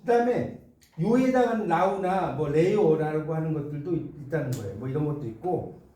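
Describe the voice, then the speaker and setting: A man giving a lively classroom lecture, chatting with students and asking them questions. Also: fairly high pitch, moderate pace. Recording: roomy classroom sound, mic far off.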